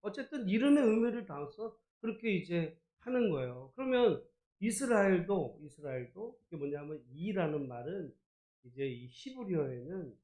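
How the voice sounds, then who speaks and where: Male pastor, high voice, chatty sermon full of rhetorical questions, echoey church hall. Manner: conversational preaching with rhetorical questions, swings from soft to loud. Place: church sanctuary.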